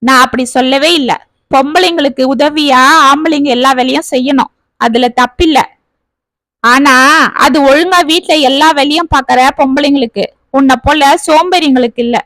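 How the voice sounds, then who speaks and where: A woman's voice: high-pitched, a bit bright, dry recording. Woman voicing an irritated young husband. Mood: angry. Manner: quick, questioning, irritated.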